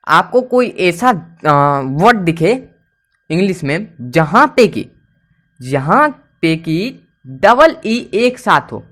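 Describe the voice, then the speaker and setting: A male teacher running a spoken pronunciation lesson. He spells each word out letter by letter and says it again and again. He keeps stopping to ask whether everyone has understood. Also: high voice. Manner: repeats each word several times, checks understanding.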